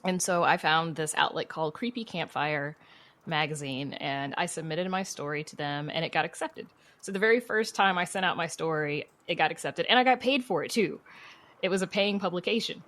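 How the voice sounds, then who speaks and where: With a deep, slightly bright voice and a brisk pace, a woman podcast creator and writer gives casual conversational answers to interview questions. She is chatty and informal, telling stories and laughing easily.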